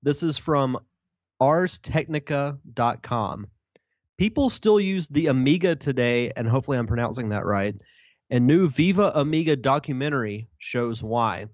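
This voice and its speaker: A man's voice: mid-range voice, expressive, moderate pace, no echo. Easygoing man on a dull-sounding line. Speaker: podcast co-host. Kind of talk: casual chat, reading news aloud.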